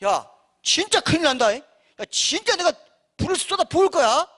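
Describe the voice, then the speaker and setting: A preacher voicing an exasperated God. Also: male voice, very high voice, lively intonation, fast, bright, forceful tone, pitched above the performer's own voice, heavily acted. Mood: exasperated warning. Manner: scolding, threatening, rhetorical questions. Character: exasperated God issuing stern warnings.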